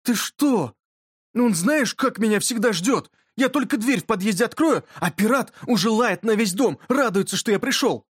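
A man voicing an excitable, earnest schoolboy who presses hard with questions and bursts into shouting. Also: sits high, unhurried, slightly rough, no room sound, clean studio sound, voice pushed up, exaggerated voice. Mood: eager.

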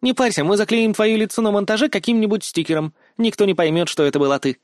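A man voicing an excitable young female video blogger who hams it up with a shrill, breathless on-camera manner. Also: fast, dry recording, clean studio sound, lightly acted. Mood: teasing. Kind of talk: audiobook character voice.

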